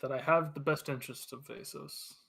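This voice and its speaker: A man's voice: mid-range voice, steady tone, fairly quick, vocal fry, pushed and bright, husky, full character voice. A man playing a guarded, solemn swordsman. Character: guarded male adventurer bearing a moonblade.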